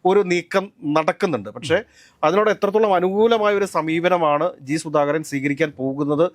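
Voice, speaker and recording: A man talking politics at a quick clip, his voice sitting a little high. He argues his case and keeps throwing out pointed rhetorical questions. The recording is dry and close, with no room sound. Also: dry recording. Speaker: co-host of political discussion. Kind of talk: casual political talk.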